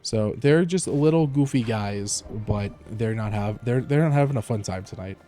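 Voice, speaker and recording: With soft music playing behind him, a man rambles through casual live gameplay commentary on a headset mic from home, full of fillers and restarts. His voice is on the low side and warm, at a moderate pace.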